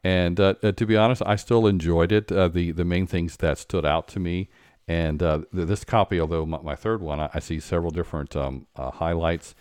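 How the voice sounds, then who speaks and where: A man hosting an interview, talking in a halting way with many restarts and fillers. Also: low-pitched, fairly even intonation, a little mellow, smooth, dry recording, studio quality. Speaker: podcast host. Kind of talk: conversational interview.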